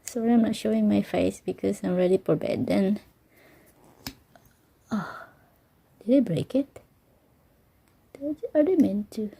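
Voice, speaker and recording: Slow, gravelly-voiced woman gushing over little things. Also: medium pitch. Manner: excited, gushing, often drops to whispers. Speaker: vlogger. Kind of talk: casual unboxing vlog. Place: home, bedroom at night.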